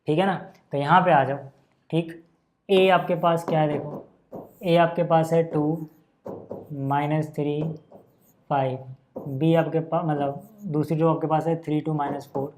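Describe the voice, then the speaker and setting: A man's voice: a little high, darkish tone. A male maths teacher giving a casual, chatty lesson, thinking aloud as he works through problems and speaking to his students like friends. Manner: thinks aloud while working through sums. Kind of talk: casual screen-share lesson.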